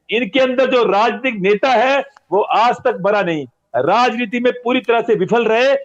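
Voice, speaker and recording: A religious man answering an interviewer with heated, repetitive and accusatory talk. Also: sits high. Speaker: religious guest. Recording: dull lo-fi audio.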